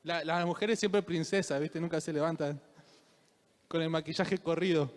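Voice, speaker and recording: A young man with a Rioplatense Spanish accent preaching a sermon, asking the congregation questions and building to shouted fervor. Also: fairly high pitch, steady tone, normal speed, long reverb tail. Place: church.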